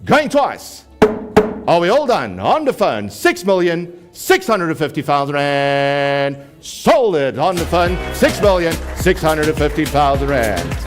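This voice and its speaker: A man working as an auctioneer, calling a live auction in a repetitive rapid-fire chant broken by slow, emphatic price calls. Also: fairly high pitch, very animated, music in the background.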